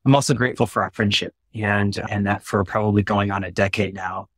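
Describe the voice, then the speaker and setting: Husky-voiced man hosting a video call. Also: fairly low pitch, fairly even intonation, brisk, no echo, clean studio sound. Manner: earnest, heartfelt, flowing. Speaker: interviewer and peacemaking trainer. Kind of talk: virtual conversation, earnest introduction. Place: small room with curtained window. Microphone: phone or webcam close up.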